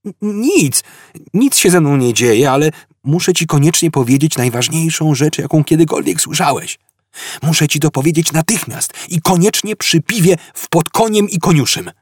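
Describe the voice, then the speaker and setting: A man voicing an urgent, oddly literal alien posing as a human, talking in an insistent, hurried, slightly nervous way in an audiobook. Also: fairly high pitch, expressive, slightly rough, no echo, clean studio sound, pitched above the performer's own voice. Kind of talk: audiobook character voice.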